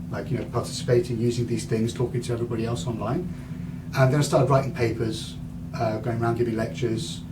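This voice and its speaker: Man, 30s, rambling lecturer, mid pitch, heard from far off. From England. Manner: rambling, many fillers and restarts. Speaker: guest lecturer. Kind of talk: university lecture. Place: university lecture room. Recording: distant mic, audible room noise.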